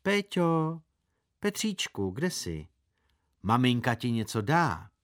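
A man reading a story aloud, voicing a mother who calls her son in a soft voice and then grows firm. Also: sits low, sing-song, slightly rough, pitched below the performer's own voice, full character voice. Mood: coaxing.

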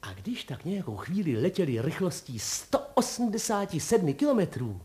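A man narrating a fairy tale in a lively, playful reading style. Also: on the high side. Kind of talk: storybook reading.

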